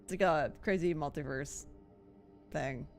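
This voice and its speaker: A woman with a deep voice streams a video game at a measured pace, chatting casually and thinking out loud in a giggly, talkative way. Game music plays in the background of this live stream chat.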